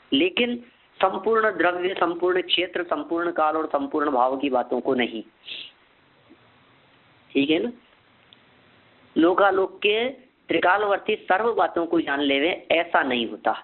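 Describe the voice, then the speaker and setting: Man, scripture teacher, slightly high voice, asks himself questions, repeats terms slowly, tinny phone-like sound. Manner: asks and answers his own questions. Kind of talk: scripture lecture.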